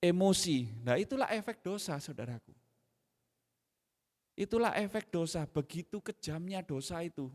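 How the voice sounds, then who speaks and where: A middle-aged man preaching a sermon in an animated way, dropping in slang. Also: high voice, normal speed. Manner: animated, mixes in Javanese slang, acts out his own scolding. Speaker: pastor. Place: church hall. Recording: long hall reverb.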